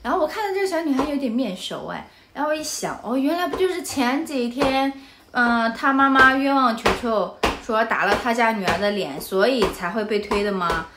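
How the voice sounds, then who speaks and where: A woman's voice: fairly high pitch, brisk, background noise. A woman from Anhui, China, vlogging casually and telling a story animatedly, often turning to the viewer with asides.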